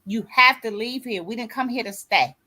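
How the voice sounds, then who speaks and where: A woman's voice: a little high, normal speed, bright, forceful tone. A woman in her sixties, an author and grief coach, giving a motivational talk in a preachy way and often asking "you see what I'm saying?". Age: 60s.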